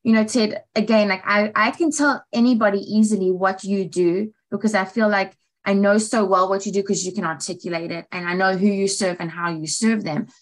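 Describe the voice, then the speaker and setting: A woman's voice: medium pitch, steady tone, brisk, hardly any pauses, poor audio. A woman with an American accent co-hosting a casual talk for writers, upbeat and affirming, with many casual fillers. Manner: upbeat, affirming, uses 'like' often. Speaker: co-host, director of training. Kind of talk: casual conversational chat.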